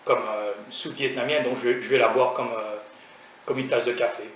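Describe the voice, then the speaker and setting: With fairly even intonation, normal speed and a fairly bright, medium-pitched voice, a young food vlogger raised in France talks casually, hesitating through fillers and restarts and mocking himself for laughs. The recording is made from a distance, off mic, in an echoey room with faint noise.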